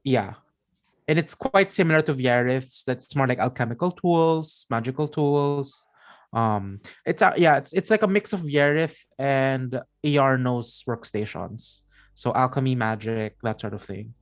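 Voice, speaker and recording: A man narrating a tabletop game as game master in a casual, halting, informal way. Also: medium pitch. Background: faint music.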